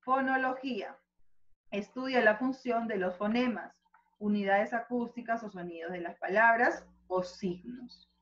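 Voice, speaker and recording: A Peruvian woman with a Peruvian accent, teaching a school lesson and explaining slowly with frequent rhetorical checks. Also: a little high, fairly bright tone. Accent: Peruvian Spanish. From Peru. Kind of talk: online class lecture. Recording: slightly dull lo-fi audio.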